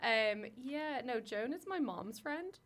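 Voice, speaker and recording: A woman's voice: on the high side, takes it slowly, noisy background. A young woman in her twenties, a guest telling self-mocking stories in a casual chat. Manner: self-mocking, animated storytelling.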